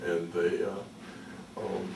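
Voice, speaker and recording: A man being interviewed, telling stories casually in a halting, folksy way with repeated words. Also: low voice, flat delivery. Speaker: interview guest, activist. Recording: roomy, distant mic with faint noise.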